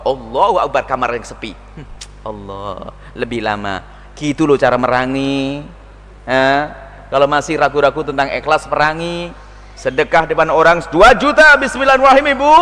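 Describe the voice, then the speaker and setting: A man preaching a sermon, answering questions with a lively, teasing delivery and acting out quoted voices. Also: medium pitch, moderate pace. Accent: Indonesian. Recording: long hall reverb.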